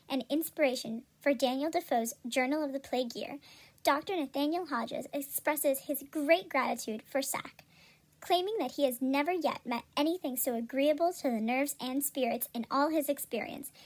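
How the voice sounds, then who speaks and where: Woman performing pharmaceutical ad pitchwoman, high female voice, upbeat, persuasive, scripted commercial parody. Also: lightly acted. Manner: salesy, persuasive announcer delivery. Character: upbeat 17th-century female drug-commercial pitchwoman selling cures.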